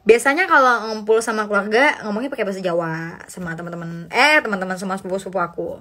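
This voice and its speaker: A young woman from Indonesia hosting a casual phone livestream, chatting and reading out comments in a lively, slangy way with bits of English. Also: mid-range voice, quick pace. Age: young adult.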